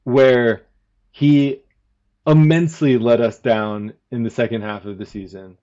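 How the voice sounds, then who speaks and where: A man chatting as a fan guest on a casual podcast, explaining his points at length in a measured, analytical way. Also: medium pitch, steady tone, warm tone, lo-fi sound.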